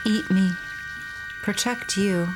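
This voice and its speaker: Woman voicing an eerily calm, halting broken doll. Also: mid-range voice, music in the background, lightly acted, poor audio. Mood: eerie pleading. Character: faint-voiced broken female doll, eerily calm, pleading. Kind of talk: horror game read-aloud.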